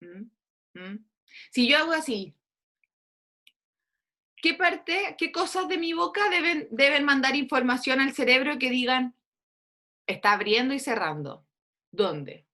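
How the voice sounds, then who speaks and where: A woman's voice: sits high, lively intonation, measured pace, pauses often, pushed and bright. A woman teaching an online dentistry class, coaxing students to answer questions with frequent fillers over a video call. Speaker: dentistry lecturer.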